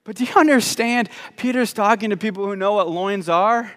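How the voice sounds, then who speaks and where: A male pastor preaches in a church with a voice set high for a man, keeping the tone loose and joking as he stumbles over his words. His sermon rings with the long reverb of the church hall. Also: brisk, a bit bright. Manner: conversational and joking, with repeated false starts. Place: church sanctuary.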